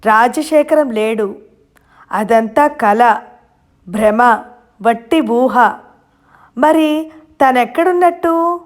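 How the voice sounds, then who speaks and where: Slow, fairly high-voiced woman narrating a novel. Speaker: audiobook narrator.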